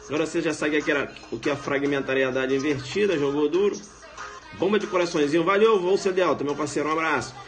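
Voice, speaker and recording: A Brazilian man gives a casual live law lecture, slangy and playful, tossing tag questions at his viewers. His voice sits somewhat high for a man. Soft music plays faintly behind him. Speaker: law professor.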